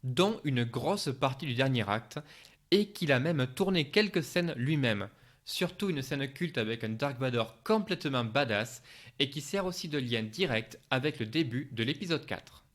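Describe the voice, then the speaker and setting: A man's voice: medium pitch, expressive, normal speed, a bit bright. A man reading a scripted film review as a voice-over narration.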